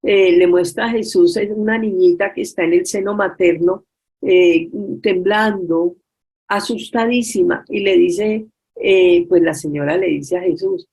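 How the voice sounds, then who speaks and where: A woman giving a storytelling religious talk over a video call, retelling a story with many filler pauses. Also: on the low side, vocal fry, darkish tone, husky. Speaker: speaker at a forgiveness workshop.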